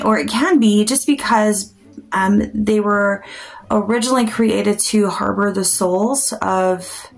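A woman in her forties chatting casually to camera as a channel host, thinking aloud in a halting, rambling way. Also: medium pitch, low-quality recording. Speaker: paranormal vlogger and channel host. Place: small plain room indoors.

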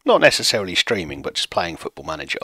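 A self-mocking man in his late thirties chats with his stream viewers from a desk at home. His voice sits low but has a bright, forceful edge. The sound is close and dry, with no room around it. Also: very animated, quick pace, slightly rough, dry recording. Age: 30s. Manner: chatty, self-mocking, reads chat aloud. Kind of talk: casual chat with stream viewers while playing.

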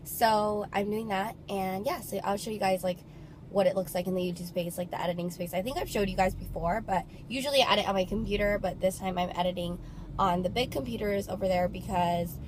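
A woman's voice: medium pitch, brisk, slight background noise. A young woman vlogging in a casual, chatty way, filling her talk with "like", her voice a little nasal from a cold. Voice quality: slightly nasal from congestion. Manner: bubbly, chatty, lots of filler "like". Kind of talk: casual vlog chat.

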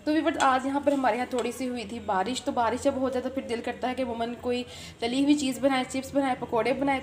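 A woman's voice: fairly high pitch, slight background noise. A woman, a cooking channel host chatting viewers through a recipe in her home kitchen, filmed on a phone camera. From Pakistan. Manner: chatty, repeats filler phrases, addresses viewers directly.

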